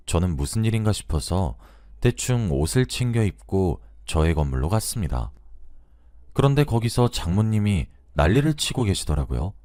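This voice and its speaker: A man with a fairly low voice tells a first-person story, his pitch rising and falling in a lively way. He recounts events in a conversational way. The recording is close and dry. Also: no room sound. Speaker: narrator.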